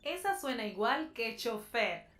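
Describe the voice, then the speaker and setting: Bright-voiced co-host woman. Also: fairly high pitch, sing-song, unhurried, a little hiss or hum. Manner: prompting questions to the teacher. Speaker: co-host reading viewer messages. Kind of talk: educational broadcast co-hosting.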